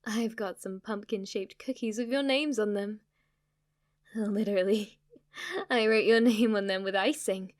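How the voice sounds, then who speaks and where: A woman plays a smug, clingy, lovestruck witch in an ASMR roleplay, speaking to the listener with coy, overconfident teasing, giggles and asides. Her medium-pitched voice is lightly acted and measured in pace, with a playful, eager mood.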